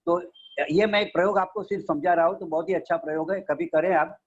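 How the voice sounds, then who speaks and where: A man's voice: high voice, fairly quick, breathy edge, dull audio. A man explaining a meditation practice step by step to a group on a video call. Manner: steady, explanatory, mixes English terms. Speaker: meditation teacher.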